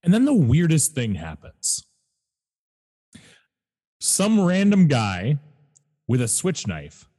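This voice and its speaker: A man co-hosting a casual movie discussion, slow and halting, often restarting his phrases. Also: fairly high pitch, huge pitch swings, dark tone, breathy edge, long reverb tail.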